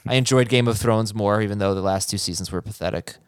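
A man's voice: fairly low pitch, fast, clean tone, no room sound, studio quality. A man with an American accent hosting a podcast, chatting informally and giving his opinions on a TV show. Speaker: podcast host. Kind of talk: casual chat, TV show discussion.

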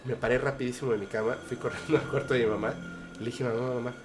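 Over background noise, a man with a mid-range voice and fairly even intonation talks fast. He is a podcast guest with a Mexican Spanish accent, casually telling a personal story in an earnest, hesitant way with lots of fillers and restarts.

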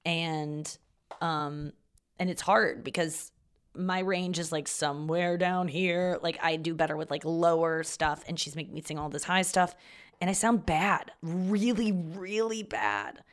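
A woman talking casually on a solo podcast with vocal fry from the back of her throat, rambling and self-deprecating, with casual swearing. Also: deep voice, fairly even intonation, measured pace. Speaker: podcast host and comedian.

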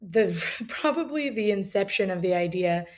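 Expressive woman chatting in an interview. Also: mid-range voice, moderate pace. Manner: expressive, earnest, joking. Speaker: improv and stand-up comedian, guest. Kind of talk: casual interview chat.

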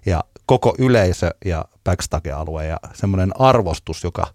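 A man co-hosting a podcast, casually telling a long anecdote in a relaxed storytelling way. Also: low voice, no echo, clean studio sound. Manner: relaxed storyteller, laughs at his own tale. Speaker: podcast co-host.

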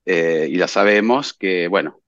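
Animated man, dull dry mic. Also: low-pitched, unhurried, dry recording. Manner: animated storyteller, chuckles often, fillers like eh. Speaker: podcast co-host. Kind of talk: casual chat.

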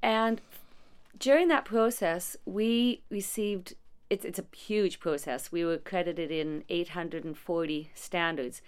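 A woman's voice: lowish voice, unhurried, clear, resonant tone. A woman who leads a non-profit support agency, answering interview questions in a conversational way, telling stories with restarts and small laughs. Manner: warm storytelling with frequent restarts and small laughs.

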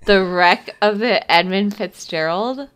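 A woman's voice: mid-range voice, slow pace, a bit bright, clear, resonant tone. A woman chatting casually as a player in a group game stream. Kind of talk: casual, reactive chat.

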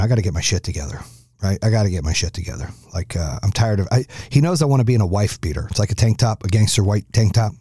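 A middle-aged podcast host talks solo on his own show, blunt, profane and rambling with plenty of fillers, close to a studio mic. His voice is fairly low and warm, and the recording is dry.

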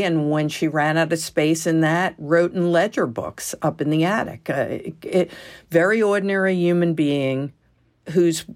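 Female author in interview, low register, unhurried delivery, deliberate and emphatic. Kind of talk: interview talk and reading aloud.

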